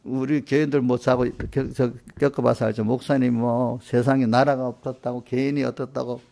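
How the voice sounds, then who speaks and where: A man's voice: mid-range voice, little pitch movement, normal speed, vocal fry, a little mellow. A middle-aged male pastor giving a conversational sermon in a church, often checking in with the congregation with short tag questions. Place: church sanctuary.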